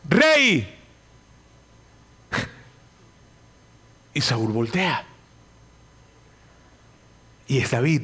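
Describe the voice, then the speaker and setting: A man preaching a sermon, earnest and pleading, repeating his phrases and telling the story with sudden loud and quiet turns. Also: a little high.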